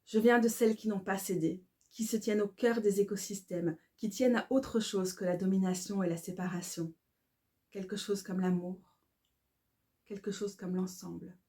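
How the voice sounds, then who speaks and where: A woman reads her own devotional verse in a calm, measured, incantatory way. Her voice is mellow and warm, and her pitch sits in the middle. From Belgium. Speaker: author reading her own book. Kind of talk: devotional poetry reading.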